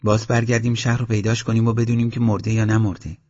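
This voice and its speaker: A man's voice: lowish voice, little pitch movement, a little mellow, close to an everyday voice. A man reading a weary village aunt. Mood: flat resigned. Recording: dull lo-fi recording.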